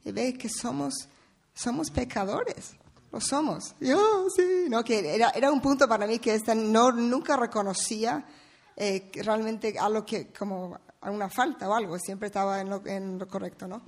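A mother telling a family story on a panel, halting often and adding little tag questions. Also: a little high. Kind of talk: personal testimony.

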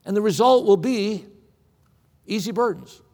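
A man's voice: high voice, a little slow, darkish tone. A man preaching a sermon in a folksy, emphatic way, with repeated phrases and storytelling. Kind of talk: sermon with dramatic pauses and repetition. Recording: echoing large hall reverb.

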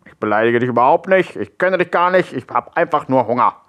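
A cheeky talking stomach from a storybook, quick and blunt with an odd, unusual timbre, as a man puts it on. It rattles off its lines fast. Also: medium pitch, lively intonation, a bit bright, natural voice.

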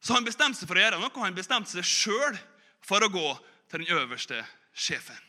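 A man preaching in a church, telling a story in a lively, chatty way and asking the audience questions. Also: sits high. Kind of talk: storytelling sermon.

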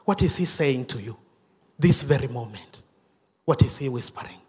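A man preaching a sermon in a church, dropping at times to a hushed whisper, with frequent restarts and repetition. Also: mid-range voice, lively intonation, normal speed, slightly rough. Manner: dramatic drops to a hushed whisper; repeats himself, self-correcting restarts.

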